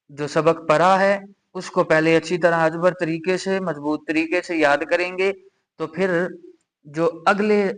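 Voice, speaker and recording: A man with a Pakistani Urdu accent gives a recitation lesson. His voice sits a little high, and he talks very slowly. He repeats the rules step by step and draws out the Arabic examples. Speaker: Quran recitation teacher. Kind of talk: slow explanatory lesson.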